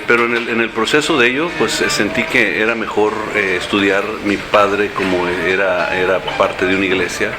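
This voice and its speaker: An older man, a mayoral candidate, answering interview questions in a café, hesitating with many fillers and restarts. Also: lowish voice. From born in San Antonio, Texas, raised in Mexico and Central America. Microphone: handheld recorder held close.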